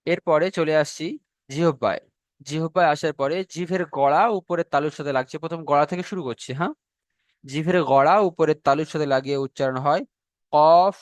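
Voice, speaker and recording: A man teaching a class on pronouncing Arabic letters, slow and repetitive, drawing out each letter sound and checking in with his students. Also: fairly high pitch, steady tone, no echo. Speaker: Quran recitation teacher. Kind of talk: classroom lesson on letter pronunciation.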